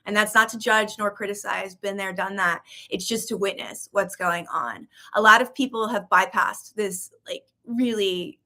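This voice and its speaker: Bright-voiced effusive woman healer. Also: mid-range voice. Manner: effusive and gushing, repeats words for emphasis; earnest, uplifting. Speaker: spiritual healer hosting a live session. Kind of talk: casual live-stream talk to viewers.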